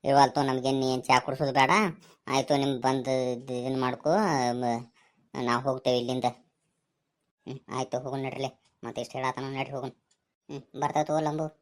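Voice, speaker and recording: A woman's voice: very deep voice, level tone, quick pace, pauses often. A woman playing a pushy young village friend in a comic skit, with a North Karnataka Kannada accent and coaxing talk.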